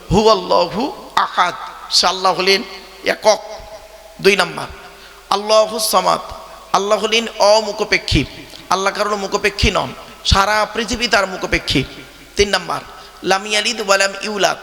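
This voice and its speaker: Bright-voiced preacher, booming reverb. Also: male voice. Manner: conversational, quizzes the crowd directly. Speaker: Islamic preacher. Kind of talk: sermon at a religious gathering. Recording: long reverb of a large venue.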